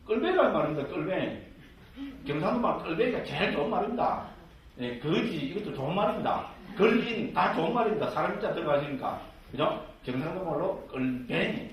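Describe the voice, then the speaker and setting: A man who teaches Buddhist scripture as a monk, in a jokey, conversational way that is full of tag questions. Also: high-pitched. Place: lecture room with a live audience. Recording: echoey room from far off, faint hiss.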